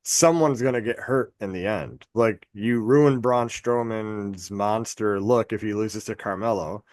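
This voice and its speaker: A man's voice: on the low side, measured pace, a little mellow, no room sound, clean studio sound. A man co-hosting a podcast in a casual chat, rambling, swearing and laughing at his own jokes. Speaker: podcast co-host.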